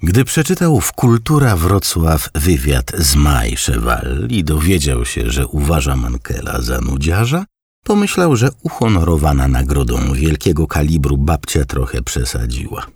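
Very deep husky male audiobook narrator. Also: sing-song, measured pace, a little mellow, no echo, studio quality. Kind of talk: scripted narration.

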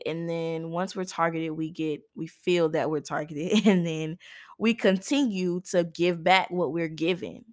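A young woman hosting her own talk show, speaking in an impassioned, emphatic monologue that often repeats and restarts phrases. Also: on the low side. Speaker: podcast host. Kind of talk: personal commentary monologue.

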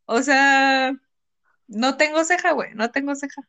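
A woman's voice: high voice, measured pace, fairly bright tone. A Mexican woman in her twenties in casual, slangy, profane chat. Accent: Mexican Spanish.

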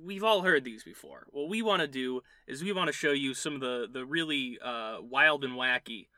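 Casual guy in his twenties, laid-back jokey podcast talk, sharp bright voice. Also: mid-range voice, moderate pace, no room sound. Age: 20s. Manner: laid-back, joking, loose phrasing with fillers. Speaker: podcast co-host. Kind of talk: casual chat.

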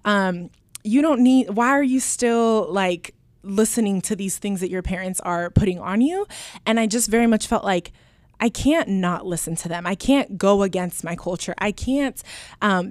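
As an interview guest, a twenty-something Alaskan woman whose first language is Spanish reflects on her personal story earnestly, filling it with hesitations and restarts. She speaks at a medium pitch, and the recording carries no room sound.

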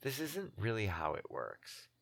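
A woman's voice: a bass voice, wildly swooping pitch, unhurried, husky. A woman co-hosting a podcast, chatting casually and wryly as she recaps a TV episode and laughs often. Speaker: podcast co-host.

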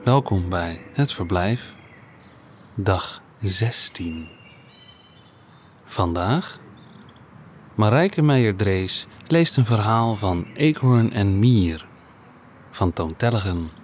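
A man hosting a short reading podcast, introducing it calmly. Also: lowish voice, takes it slowly, pauses often, noisy background. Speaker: podcast host. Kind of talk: scripted introduction.

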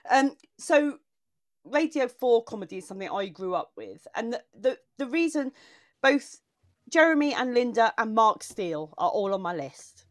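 A woman's voice: on the high side, sing-song, normal speed, dry recording, clean studio sound. A woman comedian chatting casually and emotionally, talking in digressive bursts with frequent restarts. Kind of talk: casual chat.

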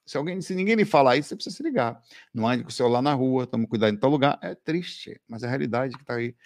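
This Brazilian host talks fast in a mid-range voice, captured as a dry recording. On his casual livestream he answers viewers' questions by spinning animated, laugh-filled stories heavy on slang like "cara" and "velho."

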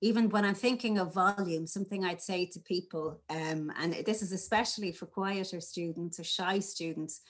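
A woman, a drama teacher talking through classroom exercises in an interview, animated and playful. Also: on the low side, normal speed, hardly any pauses. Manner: animated, demonstrates lines in varied voices. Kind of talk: conversational interview.

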